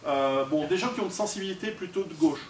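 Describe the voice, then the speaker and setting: A distant, noisy, echoey recording captures a Swiss man, a guest lecturer and author, giving an informal public talk in an indoor hall. Fast-talking and fairly high-pitched for a man, he keeps it conversational and joking, polls the audience, and projects to the room without a microphone; only a far-off camera or recorder picked him up.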